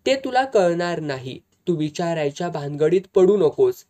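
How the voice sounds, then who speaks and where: A reader voicing a stern, commanding grown son. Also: male voice, on the high side, sing-song, moderate pace, dark tone. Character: angry grown son, stern head of house.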